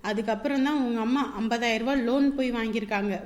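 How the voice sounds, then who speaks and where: An actress playing a sister-in-law who scolds and explains at length in a reproachful tone. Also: female voice, fairly high pitch, quick pace, darkish tone, lo-fi sound, natural voice. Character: sister-in-law, stern and lecturing.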